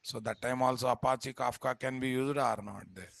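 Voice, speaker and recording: A software instructor with a Telugu Indian accent teaches a live screen-share class from his computer indoors, speaking informally and bluntly, repeating himself and throwing out rhetorical questions. His voice is medium-pitched and creaky, with fairly even intonation and normal speed. There is no room sound.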